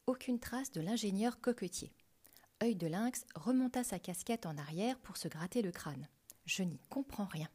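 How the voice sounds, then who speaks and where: A woman narrating a children's adventure book with a clear, lively reading. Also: medium pitch, normal speed. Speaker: audiobook narrator. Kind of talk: storybook reading.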